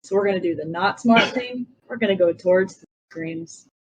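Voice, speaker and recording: A woman's voice: medium pitch, normal speed, slight background noise, rough recording. A woman player in a tabletop game, chatting casually and thinking aloud about her moves. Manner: easygoing, thinks aloud while planning moves.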